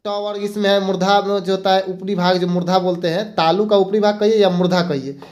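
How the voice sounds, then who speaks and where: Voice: medium pitch, steady tone, a little fast, a little mellow. A teacher gives an exam-prep grammar lesson, repeating points and mixing in English words. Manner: asks rhetorical questions and answers them.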